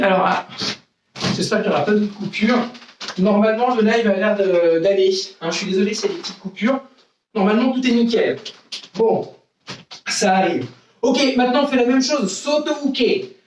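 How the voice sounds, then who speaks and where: A man's voice: high-pitched, animated, moderate pace, recorded from a distance, slight background noise. A male karate instructor leads a live online class, barking short counts and commands between patient step-by-step explanations. His voice is heard from some way off the mic. It echoes around a roomy indoor training space.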